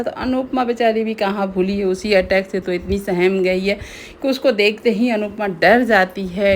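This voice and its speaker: A woman's voice: fairly low pitch, a little hiss or hum. A woman casually recapping a TV serial episode, retelling scenes in a chatty way with frequent fillers.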